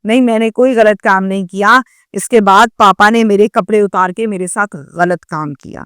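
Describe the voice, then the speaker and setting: A woman's voice: mid-range voice, fairly bright tone, clean tone, no echo, studio quality, close to an everyday voice. A woman voicing a frightened teenage girl who pleads tearfully with her mother.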